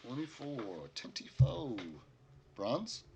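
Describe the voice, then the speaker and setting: A man narrating a tabletop game as game master, casual and halting as he improvises. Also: medium pitch, big pitch swings, darkish tone, a little hiss or hum.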